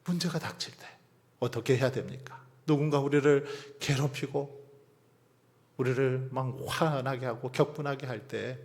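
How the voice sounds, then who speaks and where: A man preaching a sermon as pastor, asking the congregation rhetorical questions and letting phrases trail into near-whispers. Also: mid-range voice. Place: church sanctuary. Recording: long church hall reverb.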